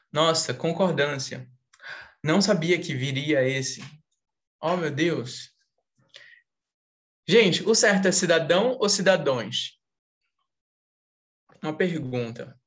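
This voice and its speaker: A man's voice: fairly high pitch, animated, slow, pauses often, a bit bright. A young man with a Brazilian Portuguese accent teaches an online class with a slightly raised voice. He walks through each point step by step and keeps checking in with his students. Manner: explains step by step, asks the class questions. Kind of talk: online writing lesson.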